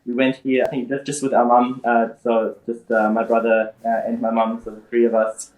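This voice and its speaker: A man's voice: medium pitch, completely flat delivery, moderate pace, darkish tone. A man in his twenties from Germany, a podcast guest chatting casually with many fillers and restarts. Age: 20s. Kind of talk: casual interview chat. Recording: roomy echo.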